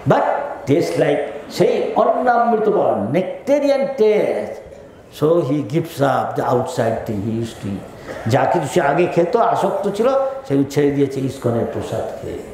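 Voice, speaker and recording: A man preaches to a festival crowd, his voice high and full of swoops as he tells stories at an unhurried pace. The sound bounces around a huge hall, with a crowd murmuring beneath it. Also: a little hiss or hum. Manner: storytelling, animated, leads the crowd in chanting. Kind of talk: devotional sermon in mixed Bengali and English.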